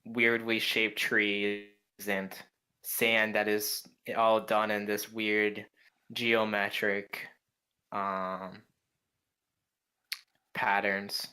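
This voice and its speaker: Bright, flat-voiced young man running a game. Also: on the low side, very slow, long pauses, rough recording. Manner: meandering description full of "like" and "kinda". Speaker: game master. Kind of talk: narrating a tabletop game.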